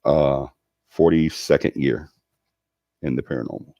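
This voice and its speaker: Very deep-voiced rambling man. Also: a little slow, mellow, dry recording. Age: 40s. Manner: rambling, with many ums and restarts. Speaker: paranormal show host reading live chat. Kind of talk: casual livestream chat.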